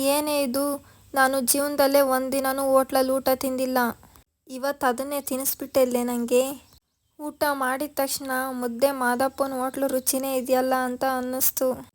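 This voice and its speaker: A woman's voice: high voice, close to an everyday voice. A woman voicing a stern older grandmother who scolds and lectures.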